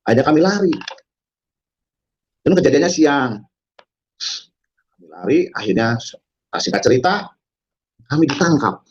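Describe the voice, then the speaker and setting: A man telling his story to an audience in a dramatic testimony, halting with many fillers and breaking into loud quoted shouts. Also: mid-range voice, big pitch swings, breathy edge, muffled recording. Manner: halting, frequent fillers and restarts. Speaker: testimony speaker. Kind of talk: dramatic spoken testimony to a congregation.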